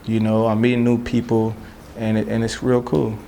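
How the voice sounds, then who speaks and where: Young cali guy chatting about playing ball abroad, low flat voice, lots of you-know fillers, faint noise behind. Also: normal speed, vocal fry. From Southern California. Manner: loose, rambling, filler-heavy. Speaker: American football player. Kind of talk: casual interview talk.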